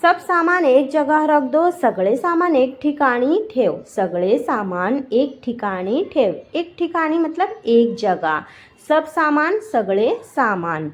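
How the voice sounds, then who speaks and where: Female tutor, high voice, unhurried; clear deliberate phrase-by-phrase lesson delivery. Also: lively intonation. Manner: repeats each sentence twice, clear and deliberate. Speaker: language teacher. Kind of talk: slow phrase-by-phrase language lesson.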